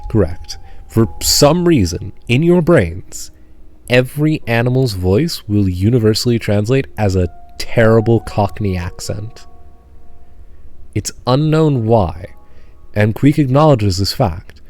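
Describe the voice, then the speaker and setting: A man narrating as game master of a tabletop game, deadpan and slowing down to stress odd details. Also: lowish voice.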